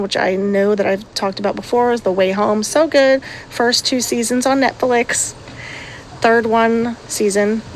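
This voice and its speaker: A woman's voice: medium pitch, a little hiss or hum. A woman in her thirties, a mother chatting casually to her vlog audience, laughing often and dropping sarcastic asides. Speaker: vlogger and mother. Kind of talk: casual chat.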